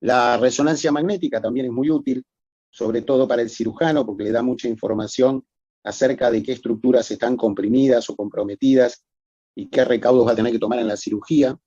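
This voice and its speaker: Man giving a dark, dry medical lecture. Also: medium pitch, fairly even intonation, a little fast, husky, no room sound. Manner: explanatory, addresses students formally as usted. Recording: dull, lo-fi lecture recording.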